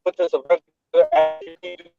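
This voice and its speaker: A man's voice: sits high, big pitch swings, measured pace, gravelly, muffled recording, music in the background. A man in his thirties hosting a podcast over a remote call, talking casually and earnestly, repeating phrases as he builds a point. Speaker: podcast host and event organizer. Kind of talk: casual chat.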